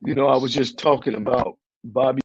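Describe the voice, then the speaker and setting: A man hosting casual sports talk, halting and repeating words, his voice cutting out over a phone line that keeps breaking up. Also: mid-range voice, steady tone, very noisy. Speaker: host.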